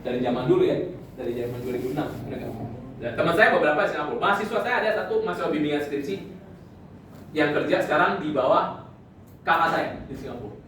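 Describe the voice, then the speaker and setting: Man lecturing casually, thirties, fast and chatty, keeps checking if students follow, slightly high voice, echoey room from a distance. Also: expressive, a bit bright. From Indonesia. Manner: chatty, keeps asking "right?". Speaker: university lecturer. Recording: echoey room from far off, faint noise.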